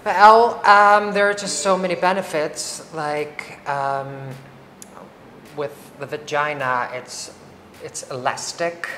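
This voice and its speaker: Taking her time, a talkative Icelandic woman with a low, slightly bright voice answers casual interview questions in a steady tone, stumbling through fillers and restarts. The lapel-mic recording, made in a large bright hall with wood screens, has a little hiss or hum, roomy echo and faint ambience.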